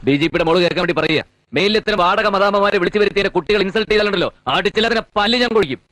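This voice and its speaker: A man's voice: high voice, racing, fairly bright tone, rough recording. An indignant scolding young man. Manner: scolding, lecturing. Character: indignant young man defending shy girls. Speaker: film character. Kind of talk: 1990s film dialogue.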